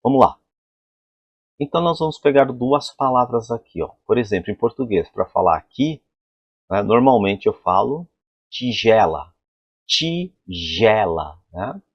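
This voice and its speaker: A man's voice: mid-range voice, lively intonation, moderate pace, breathy edge, dry recording, muffled recording. A man teaching an English pronunciation lesson at a board, explaining sounds and asking the class rhetorical questions. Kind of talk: whiteboard phonetics lesson.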